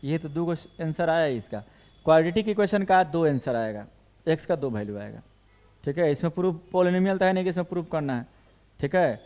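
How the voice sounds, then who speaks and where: A man with a high voice teaches a math class in a classroom. He works through each equation step by step and keeps putting questions to his students. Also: lively intonation, normal speed, darkish tone. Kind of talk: classroom lecture.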